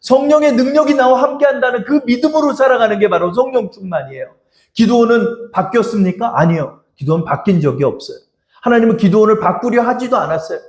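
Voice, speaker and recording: A man's voice: extremely high pitch, fast, a little mellow. A male pastor preaching a sermon in a church, exhorting the congregation and speaking to them in God's voice. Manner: exhorting, speaks directly to listeners as God. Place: church sanctuary. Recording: echoey church hall.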